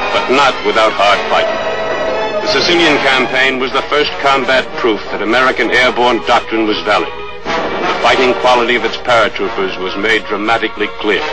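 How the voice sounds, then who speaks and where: A man's voice: mid-range voice, low-quality recording. A man doing formal, declaiming narration in an old 1940s newsreel. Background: loud music score.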